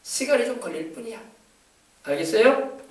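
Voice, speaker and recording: A man pastor preaching a sermon, emphatic and exhorting, moving between loud commands and quieter asides. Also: very high voice, expressive, normal speed. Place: church sanctuary. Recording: echoey church hall from far off.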